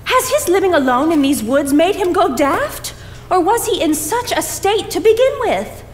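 A woman's voice: very high voice, very animated, normal speed. A young woman playing a prim, indignant, gossipy small-town busybody in a stage play. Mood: prying, indignant. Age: young adult. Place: indoor theatre stage. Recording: echoey theatre stage, noisy, distant mic.

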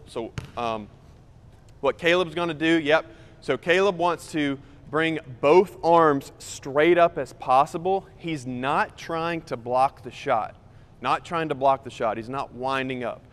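A man's voice: mid-range voice, fairly bright tone. A young man coaching basketball on court, explaining step by step and directing players by name. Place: large indoor gym. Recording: reverberant gym.

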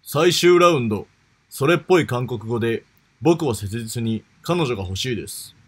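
Husky male contest announcer. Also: mid-range voice, animated, moderate pace. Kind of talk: scripted round announcement.

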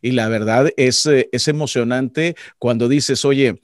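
A man hosting a radio interview, friendly and measured with frequent hesitations. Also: mid-range voice, dry recording. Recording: dry close sound.

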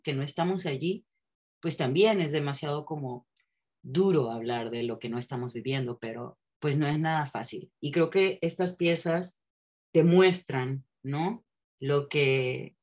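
Woman, low voice, candid podcast guest talk, casual swearing. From Mexico. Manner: candid, frequent tag questions, restarts and swearing. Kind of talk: casual conversational chat.

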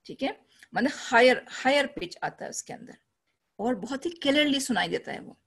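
A woman with an Indian accent giving an online lesson, explaining slowly, repeating key words and often checking that students follow. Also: fairly high pitch, slightly rough. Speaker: teacher. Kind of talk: online lecture mixing Hindi and English.

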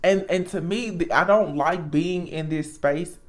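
A tarot reader talking casually and reflectively, earnest and emphatic, often halting and repeating words. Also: mid-range voice. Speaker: tarot reader, channel host.

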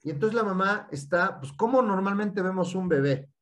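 An animated man with a Mexican accent talks through his ideas in a relaxed, explanatory way. His voice sits a little high for a man, and he keeps stringing points together. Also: moderate pace. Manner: animated, repeats "y entonces". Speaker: guest speaker. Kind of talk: casual explanatory talk.

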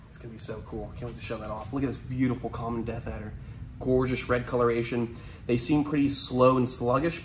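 A young man with a medium-pitched voice presents animals in an excitable, playful vlog style. He swings between hushed, admiring murmurs and loud exclamations. The camera picks him up in a large indoor room with faint background noise. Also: reverberant. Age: young adult. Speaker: wildlife host, reptile keeper. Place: large indoor reptile room with concrete floor.

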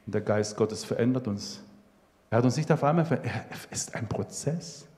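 A man preaching in a church, his voice at a middle pitch. He tells personal stories with feeling and often sinks to a near hush. A long reverb from the hall trails after his words. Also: normal speed. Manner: emotional storytelling, drops to a soft hush. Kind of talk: sermon testimony.

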